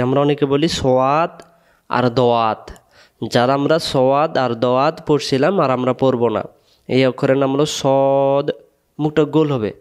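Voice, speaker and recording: A man's voice: medium pitch, darkish tone, clear, resonant tone. A man teaching Quran reading, drilling Arabic letters syllable by syllable, drawing out each sound and asking learners to repeat after him. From Bangladesh. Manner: drawn-out syllables, asks students to repeat. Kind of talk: slow step-by-step letter drill lesson.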